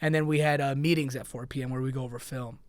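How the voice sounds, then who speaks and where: A chatty young content creator from Queens, New York, guests on a podcast in a studio, talking fast in a steady, mid-range voice. The casual interview chat is loose and peppered with "like" and "you know." The sound is dry, with no echo.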